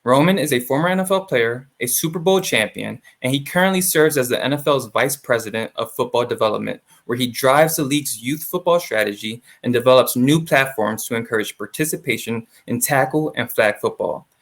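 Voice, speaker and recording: A young adult man, working as an associate producer, reads a scripted introduction before interviewing a guest with friendly questions peppered with fillers like "awesome" and "like." His medium-pitched delivery is animated and fairly quick, with hardly any pauses.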